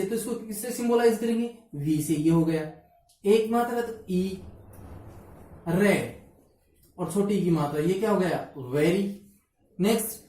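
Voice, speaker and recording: A woman's voice: a little high, dark tone. Echoey woman teacher drilling phonetics. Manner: asks questions and answers them herself, spells letters out. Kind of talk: phonetics lesson. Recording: echoey room, from far off.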